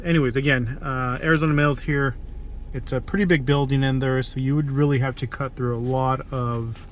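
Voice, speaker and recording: A man's voice: mid-range voice, a little hiss or hum. A man giving casual, off-the-cuff vlog commentary as he tests a product. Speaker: product reviewer. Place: in or beside a car at a mall.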